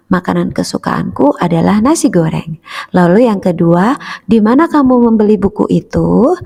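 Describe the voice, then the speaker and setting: Woman teacher, mid pitch, clear measured lesson reading, long echoey room tail. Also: darkish tone. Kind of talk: reading a school lesson aloud.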